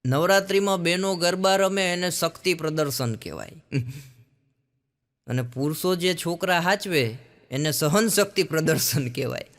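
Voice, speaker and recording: A man's voice: a little high, normal speed, fairly bright tone. A male stand-up comedian with a Kathiawari Gujarati accent, telling jokes on stage and putting on other people's voices.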